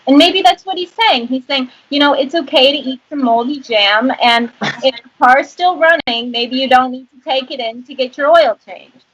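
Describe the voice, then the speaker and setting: A woman's voice: high voice, moderate pace, a bit bright, slightly rough, dull audio. A woman guest telling rambling, self-mocking stories in casual chat.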